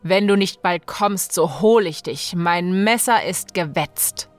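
A woman's voice: low voice, slow pace, dry recording, faint music behind, voice pushed down. A woman voicing a cruel, murderous husband who speaks in a cold, commanding, wrathful way. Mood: impatient threat.

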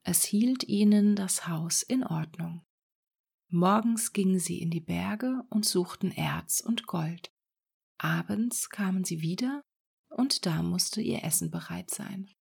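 A woman reading a fairy tale aloud in a soft, unhurried ASMR whisper. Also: on the low side, gravelly, breathy edge. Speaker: storyteller.

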